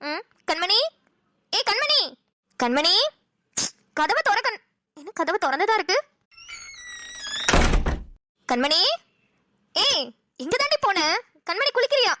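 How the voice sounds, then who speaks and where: A woman's voice: extremely high pitch, sing-song, a little slow, pauses often, pushed and bright, no echo, studio quality, heavily acted. A woman voicing an anxious, bossy elder sister in a cartoon, frantic and scolding. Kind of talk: cartoon voice acting.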